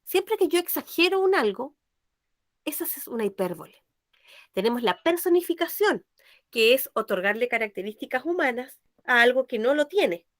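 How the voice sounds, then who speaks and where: A woman's voice: sits high, big pitch swings, normal speed, a bit bright, dry recording. A woman teaches a language lesson. She asks questions and checks that her pupils follow. Her voice sounds close and dry, with no room around it. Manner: patient, questioning, checks understanding.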